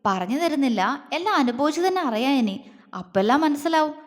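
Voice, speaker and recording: A woman's voice: high-pitched, expressive, normal speed. Woman voicing a teasing tender young husband. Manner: soft coaxing, teasing. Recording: long reverb.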